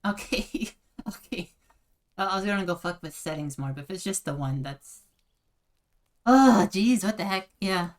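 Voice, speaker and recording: A woman's voice: mid-range voice, expressive, moderate pace, long pauses. A young woman streaming a game, playfully chatting and reading game text aloud with frequent giggles. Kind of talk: game playthrough with commentary.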